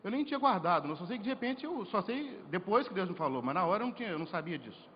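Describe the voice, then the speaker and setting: Man, lively sermon storytelling, slightly high voice, long hall reverb, dull lo-fi sound. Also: very fast. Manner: storytelling, animated, jokes and rhetorical questions. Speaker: preacher at a men's congress. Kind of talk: sermon with personal testimony. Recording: lo-fi hall recording with faint noise.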